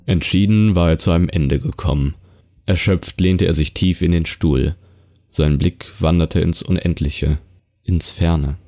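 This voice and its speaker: Deep gravelly male narrator over music. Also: a little slow, mellow. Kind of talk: scripted narration of a radio play.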